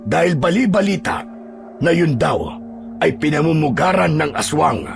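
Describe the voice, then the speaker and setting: A man voicing a gruff middle-aged village chief who questions sharply and warns of danger. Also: on the high side, lively intonation, moderate pace, music in the background, pitched above the performer's own voice. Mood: grave. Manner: brusque, questioning, cautioning.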